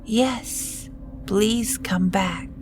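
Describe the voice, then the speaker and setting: A woman voicing a starved, lonely captive man-creature who speaks in slow, faint, broken, childlike words. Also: lowish voice, gravelly, music in the background, full character voice. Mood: lonely, pleading. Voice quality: weird, halting, childlike speech.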